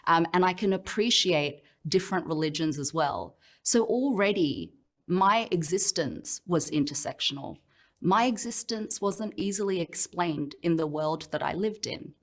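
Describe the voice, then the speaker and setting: A woman with an Australian accent giving a reflective, personal motivational talk as a professional speaker, often pausing with "um". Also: fairly low pitch, lively intonation. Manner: reflective, personal storytelling with frequent "um"s.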